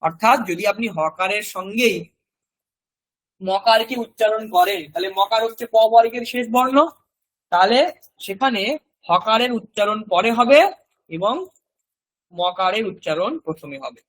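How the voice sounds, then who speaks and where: A male teacher gives a recorded class lecture. His voice sits high and rings bright. He works through each point methodically, saying example words again and again at a slow drilling pace. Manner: explains step by step and repeats example words slowly for drill. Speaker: language teacher.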